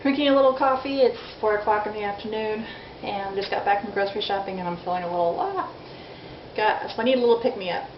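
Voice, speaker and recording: In this casual video diary, a vlogger in her forties speaks fast in a mid-range voice, poking fun at herself and staying frank. Her recording sounds dull and lo-fi, with echo from the room and a little noise underneath.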